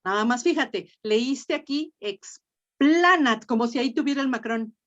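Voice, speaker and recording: Mexican woman, a little high, patient teacher on a dull lo-fi call line, encourages and corrects gently. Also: moderate pace. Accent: Mexican Spanish. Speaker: Latin teacher. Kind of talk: online class instruction. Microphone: video call. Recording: lo-fi video call audio.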